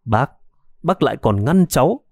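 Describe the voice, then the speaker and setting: A man's voice: mid-range voice, sing-song, normal speed, no room sound, studio quality, voice pushed up. A man voicing an agitated police detective who questions an old woman insistently in an audiobook. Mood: urgent. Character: agitated young male police detective, pushy.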